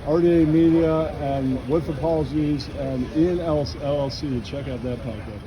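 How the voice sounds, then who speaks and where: With a crowd behind him, a man with a slightly high voice asks blunt questions back to back at a moderate pace during a casual street interview. The setting is a noisy city street with traffic.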